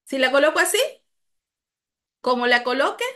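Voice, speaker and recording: Higher-pitched Venezuelan woman teaching. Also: moderate pace, pushed and bright. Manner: explains patiently, repeats key phrases, asks the audience questions. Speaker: psychopedagogue giving a talk. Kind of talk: live online talk to an audience.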